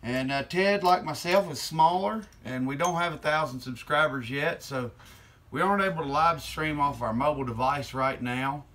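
Working by hand in a cluttered indoor workshop, a middle-aged man who hosts the channel talks in an easy, relaxed way. His voice is a little high, pushed and bright at a moderate pace, slightly slurred due to one-sided mouth weakness. The camera sits on the bench a step or two off.

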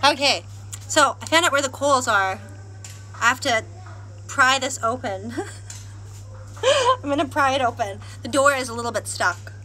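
Her high, sing-song voice sounds pushed and bright, unhurried and full of pauses. The woman is live-streaming casual chat while cooking and going up stairs through her house, outdoor stairs and terrace. Chatty, self-deprecating and asking viewers questions, she is a little out of breath and panting from the heat and the climb.

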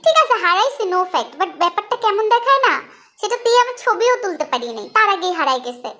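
A woman's voice: very high voice, lively intonation, fast talker, bright, forceful tone, full character voice. A woman voicing an arrogant, complaining rich young husband with a sneering, boastful manner.

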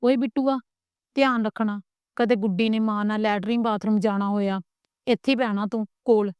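A woman voicing a doting older village grandmother who scolds tenderly and mutters low, in a storybook reading. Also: steady tone, normal speed, darkish tone, smooth, no room sound, natural voice. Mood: fussing, scolding.

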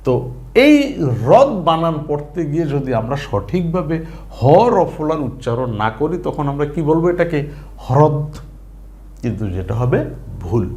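A man's voice: fairly high pitch, big pitch swings, normal speed, darkish tone. Man, language teacher, rising and falling tone, patient, repeats sounds for learners. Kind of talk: online language lesson.

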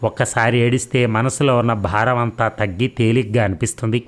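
Brief: man voicing a caring young man in a storybook reading, slow and soothing, everyday pitch. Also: fairly even intonation, close to an everyday voice. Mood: gentle.

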